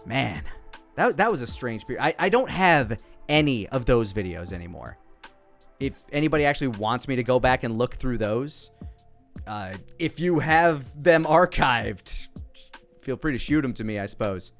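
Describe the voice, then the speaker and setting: This thirtysomething American man, a video creator, chats loosely and off the cuff, wandering from point to point and interrupting himself as music plays behind him. He speaks at a moderate pace in a medium pitch with lively intonation.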